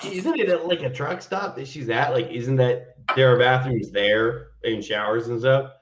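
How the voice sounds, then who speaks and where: A man's voice: medium pitch, normal speed. Roomy, muffled frat-bro man hosting. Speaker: show host. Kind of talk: casual comedic banter.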